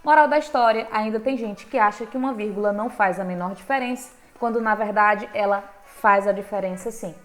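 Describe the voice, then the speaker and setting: A Brazilian woman teaching a grammar class in a relaxed, talky way, with a voice of middling pitch. She keeps tossing "right?" at her students and jumps up in pitch and volume when she stresses a point. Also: fairly quick, few pauses. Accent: Brazilian Portuguese. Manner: conversational, checking in with frequent "right?" tags; emphatic, with sudden lifts in pitch and volume. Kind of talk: online grammar lesson.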